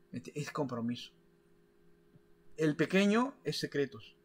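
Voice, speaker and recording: Man teaching, checking in with "ok?". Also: fairly high pitch. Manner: didactic, checks in with frequent "¿ok?" and "¿de acuerdo?"; demonstrates with his hands while explaining. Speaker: biodecoding teacher. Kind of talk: explanatory video lesson.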